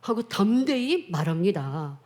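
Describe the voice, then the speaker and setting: A woman pastor giving a children's sermon, telling a story in an animated way and addressing the children directly. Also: mid-range voice, unhurried.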